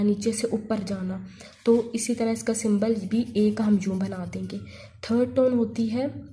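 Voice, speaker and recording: Woman teacher going over basics slowly, mellow low-bright voice, faint noise behind. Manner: patient, repeats points and checks in often; mixes Hindi-Urdu with English terms. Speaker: language teacher. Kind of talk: explanatory online lesson.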